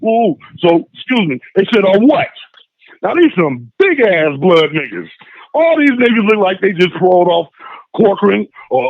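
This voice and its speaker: A man calling in by phone to tell a story in casual chat, lively and acting out the voices of the people in it. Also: high voice, creaky, no room sound. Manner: animated, acts out voices in his stories. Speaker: phone-in guest. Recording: tinny phone line.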